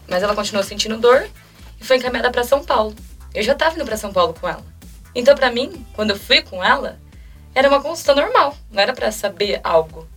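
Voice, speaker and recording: A Brazilian woman in her twenties talks fast and emotionally, jumping into quoted lines of dialogue as she retells a personal story. She sits a bit back from the mic, and faint music plays underneath. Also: a little high, lively intonation, a bit bright, husky, far from the mic. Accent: Brazilian Portuguese. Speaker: interview guest.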